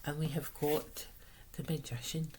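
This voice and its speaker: A Scottish woman speaks in a low voice made hoarse by a sore, swollen-sounding throat. She chats casually as a tarot reader, drifting into little asides. A light background noise sits behind her. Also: flat delivery, a little slow, warm tone, low-quality recording. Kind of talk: casual chatty tarot reading.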